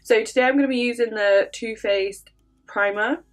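A makeup vlogger with a congested, sniffly voice chats casually through a tutorial, her speech full of "um" and "like." Her pitch sits on the high side at a moderate pace, with faint music behind her.

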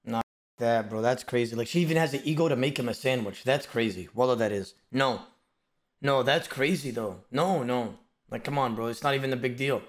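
A man's voice: medium pitch, a little fast. A young man joking casually to his chat as a streamer, reacting into a desk studio mic. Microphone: studio mic, headset, at desk.

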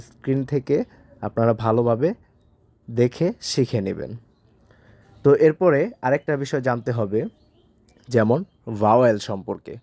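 A man teaching English pronunciation, spelling letters out slowly and repeating each sound, then talking warmly to his viewers as friends. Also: mid-range voice, no room sound. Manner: addresses viewers as friends, encouraging. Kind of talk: slow spelling and pronunciation drill.

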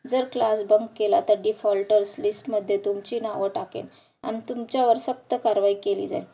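A woman's voice: mid-range voice, fairly even intonation, moderate pace, vocal fry, dark tone, natural voice. Woman voicing a stern scolding lady professor. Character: strict scolding female college professor.

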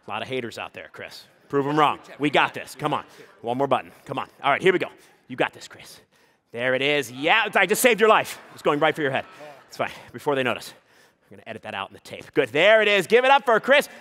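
A man's voice: medium pitch, sing-song, a little fast, pushed and bright. A man performing a live comedy juggling act, teasing a volunteer in playful banter and hyping the crowd. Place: live stage before an audience.

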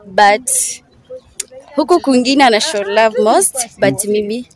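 A woman's voice: on the high side, expressive, unhurried, a crowd in the background. A young woman with a Kenyan accent, giving short, direct answers in an outdoor street interview.

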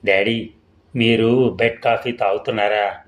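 A man's voice: lowish voice, fairly even intonation, a little slow, lightly acted. A man voicing a young girl who grieves for her mother, in a plaintive tone.

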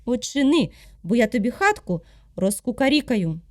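Woman playing a shrill bossy rooster. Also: big pitch swings, moderate pace, a little mellow, no echo, studio quality. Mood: demanding. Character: cocky shouting rooster.

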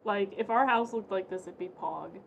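A woman's voice: mid-range voice, normal speed, vocal fry, highs cut off, slight background noise. A woman giving casual live game commentary, informally thinking aloud to herself and her viewers. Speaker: game streamer.

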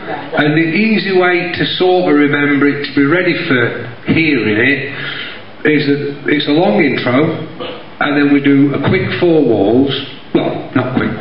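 Speaking through a handheld microphone and PA, a middle-aged man with a Derbyshire East Midlands accent calls and counts line dance steps live from a community hall stage, keeping it jokey and chatty. His voice is fairly high-pitched, recorded from the audience with a little hiss or hum. The hall is echoey, the sound dull, and the crowd audible.

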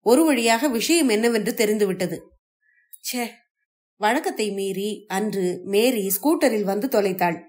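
A woman narrating a short story for an audiobook channel, steady and measured. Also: mid-range voice.

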